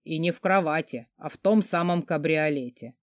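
A woman reading an audiobook, voicing a feverish, sarcastic, crude hulking man in a low, hoarse, husky voice with a gruff, mocking manner. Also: normal speed, no echo, studio quality, close to an everyday voice. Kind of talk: audiobook character voice.

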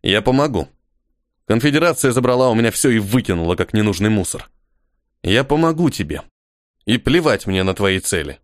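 A man voicing a gruff, embittered, weary man in an audiobook, with curt, grudging lines. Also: on the low side, big pitch swings, brisk, no room sound, clean studio sound. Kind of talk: audiobook character voice.

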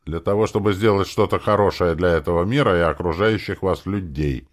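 A man voicing a frightened old woman fortune teller who talks quietly, slowly and pleadingly. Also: deep voice, lightly acted. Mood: uncertain. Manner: trembling, pleading, quiet and slow.

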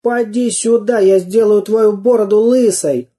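Narrator doing a tiny brave iron guy, high-pitched yelling, dark husky tone. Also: fairly even intonation, unhurried, natural voice. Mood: scornful. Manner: high, cheering cries. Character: brave little iron man, cheerful. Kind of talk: audiobook character voice.

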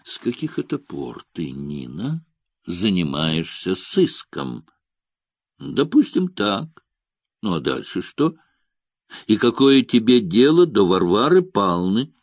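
A man's voice: on the low side, very animated, takes it slowly, dry recording, heavily acted. A man reading the lines of a bored, dismissive young cavalry officer who answers curtly and woodenly, in an audiobook. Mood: cold dismissive. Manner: curt, dry, wooden.

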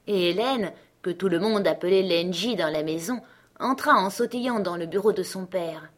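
A woman narrating an audiobook in a steady, clear storytelling manner. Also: lowish voice, normal speed.

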